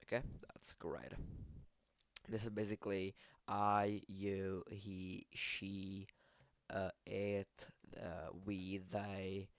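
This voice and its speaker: A man's voice: low-pitched, monotone, extremely slow, no echo. A man with a Czech accent whose first language is Czech. He casually walks through a screen-shared project, hesitating often and correcting himself mid-sentence. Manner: hesitant, many fillers and self-corrections. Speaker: language creator explaining his project.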